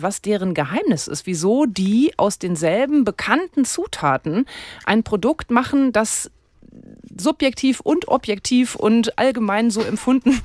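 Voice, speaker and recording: A woman reporter in a casual radio conversation, talking in a lively, chatty way and laughing often. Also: mid-range voice, no room sound. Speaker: food reporter.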